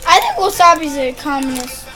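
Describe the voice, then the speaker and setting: A woman's voice: sits high, huge pitch swings, normal speed, bright, forceful tone, faint music behind. A woman joining a casual toy unboxing, teasing and giggly. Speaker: co-host.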